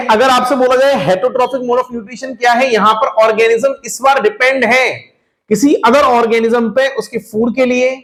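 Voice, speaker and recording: A man with a strikingly high-pitched voice teaches a class in a lecture style. He keeps putting rhetorical questions to his students, whom he calls children, and he repeats the main points. English terms are mixed into his speech. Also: a bit bright. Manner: mixes English terms into Hindi.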